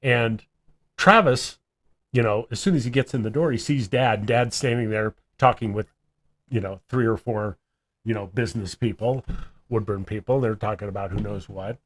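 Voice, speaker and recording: A man's voice: on the low side, normal speed. A man co-hosting a podcast, telling a family story in a rambling, casual way, full of fillers and chuckles.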